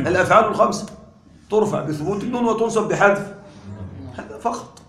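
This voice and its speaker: High-voiced man teaching in an echoey room. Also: a bit bright, a little hiss or hum. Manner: quizzes the class with frequent questions; repeats key points deliberately. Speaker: grammar teacher. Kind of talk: classroom lecture. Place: classroom.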